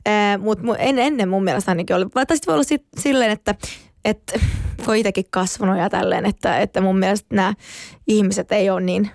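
Woman guest on a radio talk show; chatty, restarts often; mid pitch, dry studio sound. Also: creaky, darkish tone, no room sound. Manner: chatty, many fillers and restarts. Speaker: guest, handball fan and player.

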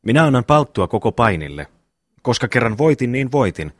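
A man reading the part of a slow, good-natured young brother in an audiobook, plodding and homely. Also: mid-range voice, sing-song, no echo, clean studio sound.

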